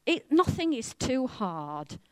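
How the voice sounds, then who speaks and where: A woman from Wales with a Welsh accent, preaching a sermon in a chatty, self-mocking and lively way. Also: high voice, slow, no echo.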